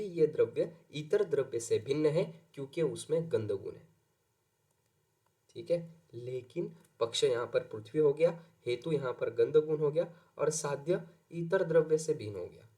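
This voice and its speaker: A man teaching an exam-prep lesson. His voice sits at a middle pitch. He keeps posing rhetorical questions and answering them as he explains. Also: mellow.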